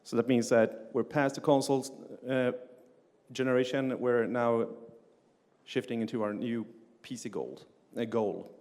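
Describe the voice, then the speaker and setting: On stage in a conference hall, a middle-aged man from Sweden who develops game engines explains technical material plainly, frequently saying "uh" and restarting. His mid-range voice is steady, unhurried and darkish, with long lecture-hall reverb around it.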